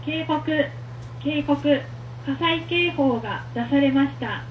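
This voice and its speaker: A woman's recorded emergency announcement played over a building loudspeaker, calm and formal. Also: high-pitched, normal speed, far from the mic, a little hiss or hum. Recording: echoey muffled loudspeaker heard from afar.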